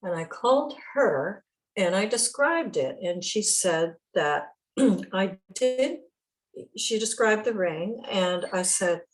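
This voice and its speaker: A woman's voice: mid-range voice, lively intonation, slow, poor audio. Chatty woman telling a rambling story. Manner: rambling, chatty, often laughing. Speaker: study group participant. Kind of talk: casual storytelling.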